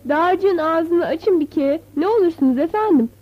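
Scornful landowner from a storybook, voiced by a woman: mocking, haughty, raised and high. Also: lively intonation, moderate pace, no room sound. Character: scornful rich middle-aged landowner man. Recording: dull, slightly lo-fi.

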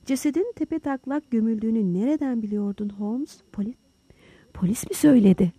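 A woman's voice: a little high, fairly quick, mellow, husky, no echo. A woman voicing a confrontational, impatient male scholar in a storybook reading, pressing with questions.

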